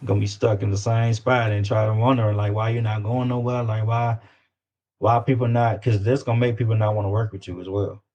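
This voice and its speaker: Speaking a little fast in a lowish, slightly mellow voice with flat delivery, a Louisiana man with a Southern US accent chats casually as an interview guest. He's an independent music artist who leans on slang and repeats himself to drive points home. The sound quality is dull and lo-fi.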